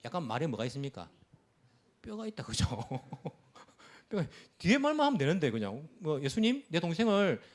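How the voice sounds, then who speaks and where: A man's voice: a little high, huge pitch swings, normal speed, pauses often. A male pastor preaching a sermon in a church, posing many rhetorical questions. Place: church sanctuary.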